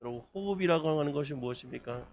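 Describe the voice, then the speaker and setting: A man's voice: a little high, quick pace, a little mellow, a little hiss or hum. A man preaching a sermon to a youth group, asking his listeners one rhetorical question after another. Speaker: youth pastor. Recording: dull lo-fi sermon recording.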